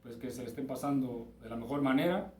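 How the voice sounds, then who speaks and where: A man's voice: mid-range voice, fairly quick, distant mic, a little hiss or hum. A man with a Mexican Spanish accent teaching an English lesson, explaining step by step and checking in with his students. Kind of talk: recorded class lesson. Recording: roomy, from off-mic with faint ambience.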